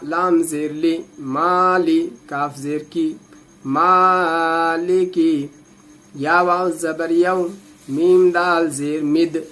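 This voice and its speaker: A man with a slightly high voice teaches Quran reading. He spells out each syllable very slowly, drawing the sounds out with patience. The pace stays unhurried from start to finish. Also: fairly bright tone. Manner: patient, drawn-out syllable drilling. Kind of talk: slow spelled-out recitation lesson.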